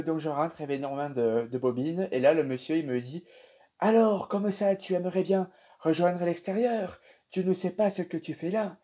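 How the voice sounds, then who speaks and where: A young man with a French accent casually telling viewers about a dream, animated and chatty with many fillers. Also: on the high side. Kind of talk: casual storytelling to camera.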